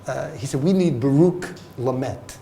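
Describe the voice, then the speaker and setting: A man, an actor giving a master class, telling anecdotes in an animated, laughing way with many fillers. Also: medium pitch, moderate pace, vocal fry, a little hiss or hum. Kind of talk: anecdotal storytelling interview. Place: festival venue hall. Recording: roomy hall, faint ambience.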